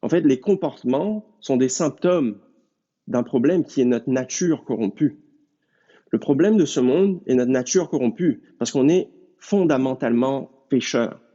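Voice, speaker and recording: A man preaching a sermon in an earnest, measured way and speaking straight to his listeners. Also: medium pitch, lively intonation, mellow. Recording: dull lo-fi recording.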